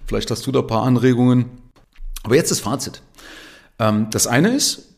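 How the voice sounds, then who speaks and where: A man's voice: mid-range voice, vocal fry. A man in his fifties hosting a solo podcast, talking in an emphatic, conversational way with frequent tag questions. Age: 50s. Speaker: podcast host. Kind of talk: casual monologue podcast.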